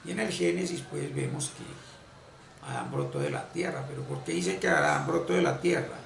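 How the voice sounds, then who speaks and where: A man giving an unscripted esoteric religious lecture, halting and repeating phrases as he searches for words. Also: fairly high pitch, huge pitch swings, vocal fry, distant mic, noisy background. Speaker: esoteric spiritual teacher. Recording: echoey room, voice off-mic, faint ambience.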